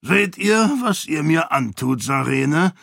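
A man voicing a portly, blunt, booming count in an audiobook, talking slowly and blusteringly. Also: animated, vocal fry, fairly bright tone, dry recording, clean studio sound, full character voice. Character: portly boisterous male count, blunt glutton. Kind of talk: audiobook character voice.

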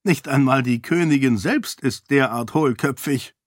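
A man's voice: medium pitch, measured pace, no echo, studio quality, close to an everyday voice. A man voicing a sly, mocking old duke. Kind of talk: audiobook character voice.

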